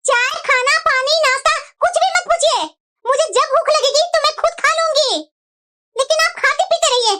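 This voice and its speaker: A woman's voice: very high voice, pushed and bright. A woman voicing an irritable young married woman in a Hindi cartoon who snaps and complains in exasperation. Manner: snappish, exasperated.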